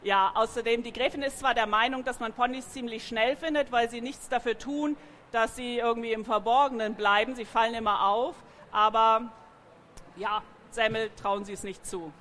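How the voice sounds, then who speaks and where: A woman reading a children's animal story aloud in a lively way, adding sound effects. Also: a little high, normal speed, slight background noise.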